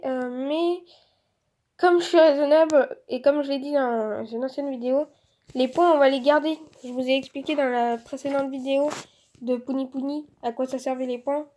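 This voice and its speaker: A woman's voice: sits high, dark tone. A woman giving casual let's-play commentary, chatty and thinking aloud with lots of filler words.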